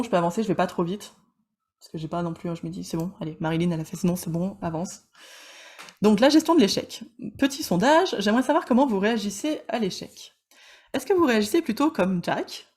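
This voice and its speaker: A woman coach hosting a casual live teaching session, joking with viewers, calling them by name, and talking in quick bursts full of restarts. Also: mid-range voice, darkish tone.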